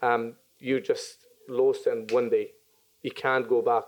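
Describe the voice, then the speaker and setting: A man in his twenties from Syria, chatting as a podcast guest and often pausing with ums and restarts. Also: mid-range voice, level tone. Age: 20s. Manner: hesitant, many ums and restarts. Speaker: podcast guest, business owner. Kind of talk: casual interview chat.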